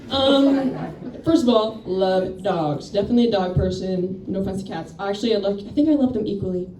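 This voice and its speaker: A woman's voice: mid-range voice, fairly quick. A young woman doing a rambling, self-deprecating stand-up set into a handheld mic at a campus coffeehouse. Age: young adult. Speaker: stand-up comedian. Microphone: handheld microphone. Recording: echoey room mic from far off, noisy.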